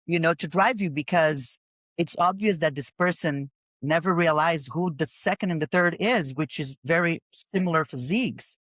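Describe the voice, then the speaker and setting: A woman hosts a casual podcast chat in an emphatic, animated way, often breaking off and restarting her sentences. Her voice is recorded close and dry, with no room sound at all. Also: low-pitched, normal speed, no room sound. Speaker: podcast host and bodybuilding coach.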